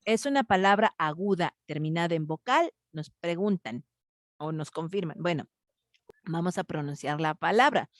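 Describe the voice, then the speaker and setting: A woman's voice: on the low side, lively intonation, moderate pace, no room sound, clean studio sound. A woman with a Mexican Spanish accent teaching an online grammar class, patiently questioning students and thinking aloud with fillers.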